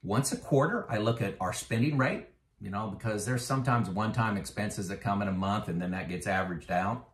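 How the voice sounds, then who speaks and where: Speaking a little fast in a lowish, fairly bright voice, a fifty-something retirement finance vlogger gives a casual explanatory talk to camera about his own finances. The room is echoey. He uses plenty of fillers and grows emphatic when making a point.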